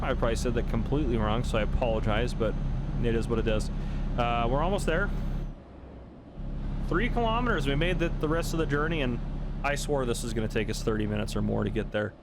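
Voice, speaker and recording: A young man giving casual, chatty commentary while he plays a driving game, thinking out loud and poking fun at himself. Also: medium pitch, noisy background. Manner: chatty, self-deprecating, thinks aloud. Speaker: gaming channel host.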